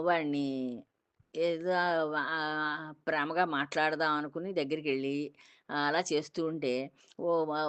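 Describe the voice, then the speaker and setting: Older woman storyteller with a low voice, slow and pausing, retelling a devotional folk tale. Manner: unhurried retelling, many pauses and repeats.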